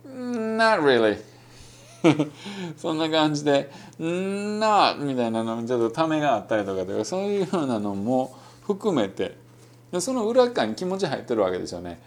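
A man with a Kansai Japanese accent giving a relaxed, rambling spoken lesson on learning English, full of fillers and with English phrases mixed in. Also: mid-range voice, fast. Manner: demonstrates English phrases in between. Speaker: English-learning podcast host.

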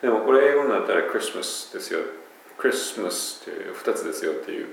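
A man's voice: low voice, expressive, very fast, vocal fry, distant mic, slight background noise. A man with a Kansai accent, an English pronunciation teacher, casually explaining sounds and demonstrating them aloud. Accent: Kansai Japanese. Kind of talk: casual spoken lesson. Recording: very echoey room.

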